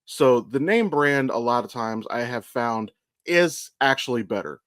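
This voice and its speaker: A medium-pitched, slightly bright voice, animated yet a bit slow, belongs to an American man who seems to be in his thirties. He co-hosts a podcast in a rambling, profane, informal style full of stop-start self-corrections. The studio sound is clean, with no echo.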